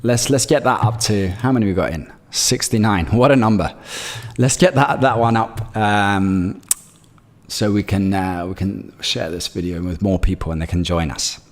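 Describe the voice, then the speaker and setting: Heard with a long reverb tail, a lowish-voiced man talks at normal speed during a live trading stream. Greek is his first language and he was raised in Greece. His commentary rambles, full of fillers and restarts, as he reads chat messages aloud.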